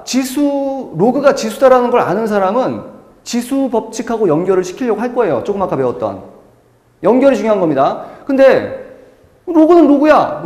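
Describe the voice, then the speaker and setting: A man's voice: extremely high pitch, darkish tone. A male math teacher lecturing a class, emphatic and repetitive, asking questions and answering them himself. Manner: emphatic, repeats key words, asks and answers own questions. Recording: echoey classroom with long reverb.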